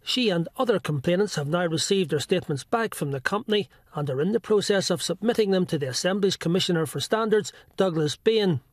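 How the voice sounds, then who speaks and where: Male TV political reporter, high register, scripted narration. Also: lively intonation, brisk, hardly any pauses, no echo, studio quality.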